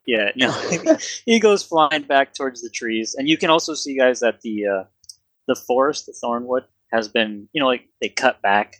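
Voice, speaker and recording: A man runs a tabletop game in a casual, halting way. His voice is mid-pitched and recorded dry, as he describes scenes and fields questions from players. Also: a bit bright, dry recording. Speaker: game master.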